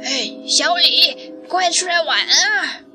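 A bold, teasing village boy who is eager for adventure, read by a woman narrator. The voice sits fairly high and moves slowly. Music plays underneath. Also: creaky, bright, forceful tone, exaggerated voice. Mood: calling out. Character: bold village boy daring his friend.

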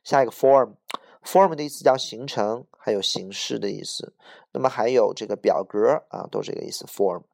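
A man's voice: medium pitch, normal speed, gravelly, a little mellow. A man teaching English vocabulary in Chinese, patiently explaining each word and giving short examples. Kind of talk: vocabulary lesson.

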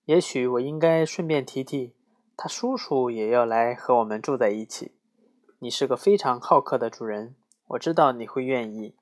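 A man reading aloud, voicing a chirpy, pushy little male bird who chatters excitedly. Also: medium pitch, normal speed, natural voice. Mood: chatty.

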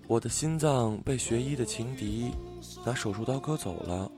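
A man voicing a lovelorn young female ghost in an audiobook story, speaking softly and in a hushed way. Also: medium pitch, moderate pace, over music, lightly acted. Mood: vengeful.

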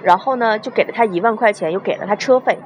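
Young chinese woman telling a story super fast, lively, does the voices. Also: mid-range voice, a little hiss or hum. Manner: lively, acts out quoted voices. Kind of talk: casual spoken storytelling.

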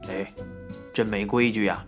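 A narrator voicing gruff, boastful older uncles at a card game in an audiobook, speaking low and scolding. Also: steady tone, a little slow, faint music behind. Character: gruff older male uncles playing cards. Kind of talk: audiobook character voice.

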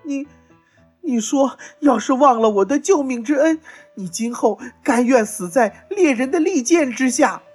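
Storybook deer, desperate parent, high and breathy, pleading slowly, read by a woman. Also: expressive, darkish tone, faint music behind, heavily acted. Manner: high, begging, tearful pleading.

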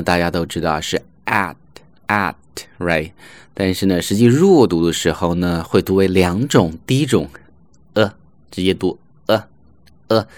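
A man teaching English pronunciation in an online lesson, slowly modeling and repeating example phrases. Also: low voice, no echo, clean studio sound.

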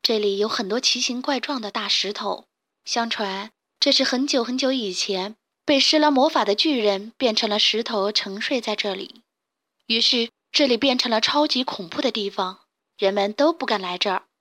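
A woman narrating a children's storybook in a gentle, clear reading voice. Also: on the high side, moderate pace.

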